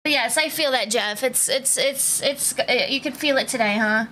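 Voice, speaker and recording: Bubbly high-voiced woman streamer. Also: normal speed, pushed and bright, slight background noise. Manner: bubbly, greets viewers one by one, laughs often. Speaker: live streamer. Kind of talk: casual chat with viewers.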